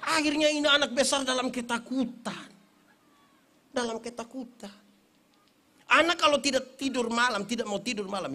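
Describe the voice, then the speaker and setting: A man preaching, his voice pitched high and ringing bright. He tells his sermon as a string of funny stories, acting out the people in them and building up to loud shouted exclamations. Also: vocal fry. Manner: animated storyteller, acts out voices and shouts. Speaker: pastor. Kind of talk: humorous sermon at a Christmas gathering.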